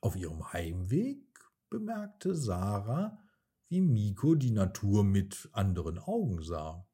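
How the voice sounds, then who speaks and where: A man narrating a children's story in a gentle storyteller's way. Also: fairly low pitch, sing-song, takes it slowly, breathy edge.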